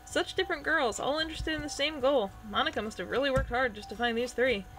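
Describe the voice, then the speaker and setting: An awkward, self-conscious high school boy narrating his day, as a woman reads him in her own voice. The delivery is plain and conversational. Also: fast, a bit bright, soft background music, rough recording. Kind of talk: reading a visual novel aloud.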